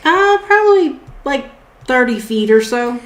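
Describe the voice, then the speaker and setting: A woman narrating as game master in a tabletop game, talking casually with many fillers and pauses. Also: high voice, big pitch swings, roomy sound.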